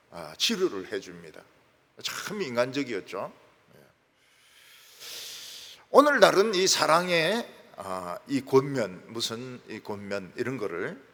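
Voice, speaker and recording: A man's voice: vocal fry, a bit bright. A male pastor, preaching a sermon in a folksy storytelling manner. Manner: folksy storytelling with wide swings in pitch and volume. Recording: echoey church hall.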